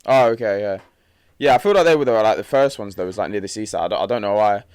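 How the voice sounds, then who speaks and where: A man's voice: fairly low pitch, fast talker, a little mellow, clear, resonant tone, no room sound. A young man chatting casually on a podcast, using slang, laughing easily and trailing off mid-sentence. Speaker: podcast co-host. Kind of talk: casual chat.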